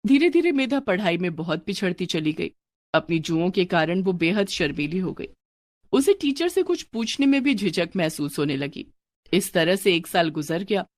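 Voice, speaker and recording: A woman narrating a scripted children's story in a clear, expressive way. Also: on the low side, dry recording.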